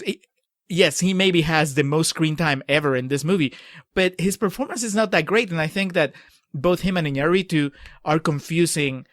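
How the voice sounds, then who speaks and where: A man's voice: on the high side, a bit bright, no room sound, studio quality. A young adult man from Peru co-hosting a podcast, giving blunt, opinionated film criticism. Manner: opinionated, critical, laughs often. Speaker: podcast co-host. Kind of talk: casual film discussion.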